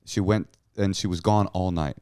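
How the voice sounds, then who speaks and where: Man, lowish voice, wry casual podcast banter, comic storytelling, dry close sound. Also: fairly even intonation, moderate pace, a little mellow, clear, resonant tone, no room sound. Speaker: podcast co-host.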